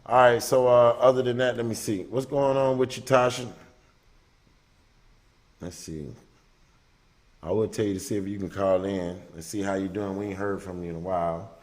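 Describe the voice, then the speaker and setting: A man hosting a casual call-in livestream show, talking loosely with many pauses. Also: lowish voice, steady tone, darkish tone. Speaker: livestream talk show host.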